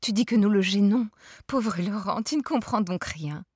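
A gentle, patient mother talking softly to her child, as a woman reads her part in a storybook. Her voice slips into hushed near-whispers and stays close and dry, with no room around it. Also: medium pitch, moderate pace, breathy edge, no echo, close to an everyday voice. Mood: tender. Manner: soft, hushed, dropping to whispers.

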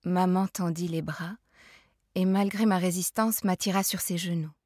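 A woman narrating a novel in a calm, measured literary reading. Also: lowish voice, no echo, clean studio sound.

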